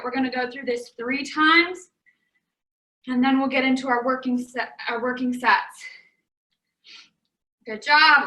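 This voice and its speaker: With a high, bright, forceful voice, a young instructor runs a workout from home, upbeat as she calls out moves and countdowns. She's slightly out of breath, and the space sounds echoey.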